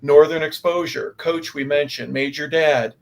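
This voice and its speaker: A man with a slightly high voice hosts a sports talk radio show. He speaks eagerly, rattling through lists before landing on his question. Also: steady tone, measured pace, creaky, poor audio. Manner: enthusiastic, listing credits. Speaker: host. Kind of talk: radio interview.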